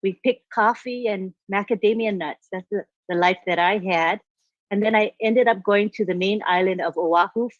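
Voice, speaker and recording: A woman's voice: medium pitch, normal speed, no room sound. Older woman, from Hawaii, webinar guest, chatty, muffled lo-fi dry audio. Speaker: guest speaker. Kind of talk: personal testimony on a webinar.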